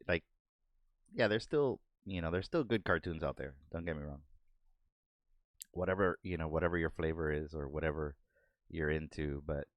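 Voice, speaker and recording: A man's voice: very deep voice, dry recording, dull audio. A man hosting a podcast, chatting casually while he doodles, laughing often and acting out cartoon moments. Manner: laid-back, laughs often, acts out cartoon bits. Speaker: podcast host and artist. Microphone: desk microphone.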